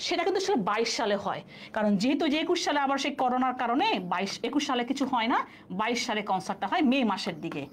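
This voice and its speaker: Woman teacher, high voice, quiz-style lecturing, faint background hiss. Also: animated, quick pace. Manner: explains step by step, asks and answers own questions. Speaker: online exam-prep teacher. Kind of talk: live online class lecture.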